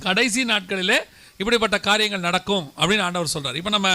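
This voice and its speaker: A man preaching in a high, bright and forceful voice. He keeps firing rhetorical questions at his listeners and draws key words out slowly for emphasis. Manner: slows to stress scripture words. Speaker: pastor. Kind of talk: sermon.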